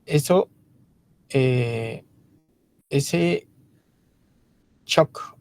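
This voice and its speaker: A man giving a slow, measured lecture, pausing often and using fillers as he explains. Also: mid-range voice, creaky, darkish tone, no room sound, faint music behind.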